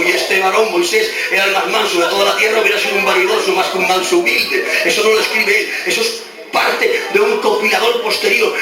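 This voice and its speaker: A high-voiced Spanish preacher with a Spain accent, his lively delivery swinging from shouts to near whispers. The sound comes from an old cassette dictaphone recording made far from the pulpit in a large church hall. Heavy echo fills the hall, and clear music runs behind him. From Spain, Extremadura. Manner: dramatic, swings from shouting to hushed low tones. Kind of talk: Pentecostal-style sermon. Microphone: handheld dictaphone in the congregation. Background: music and congregation responses.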